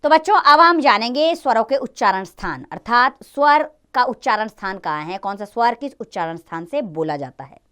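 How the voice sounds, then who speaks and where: A woman's voice: on the high side, lively intonation, fairly quick, few pauses, sharp tone, clean tone. A woman teaching a grammar lesson to children, explaining step by step and asking and answering her own questions.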